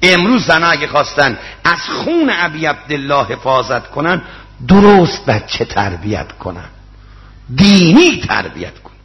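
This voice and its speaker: A man's voice: on the high side, very animated. A man preaching a sermon, telling stories with emotional quoted dialogue. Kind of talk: religious sermon with storytelling. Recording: dull lo-fi recording.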